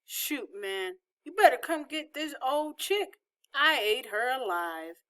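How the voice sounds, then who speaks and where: A woman's voice: lively intonation, takes it slowly, bright, forceful tone, exaggerated voice. A woman voicing a cocky, sullen teenage boy with a cool, slangy way of talking, in a storybook reading. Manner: cool, low, drawling from side of mouth.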